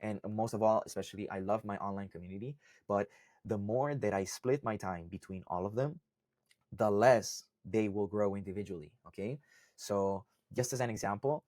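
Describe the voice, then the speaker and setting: A young Costa Rican salsa instructor talks casually to camera in an explainer style, often checking in with "right?" and "okay?" to close his points. His lowish voice is a little mellow and moves at a moderate pace, in clean studio sound with no room sound.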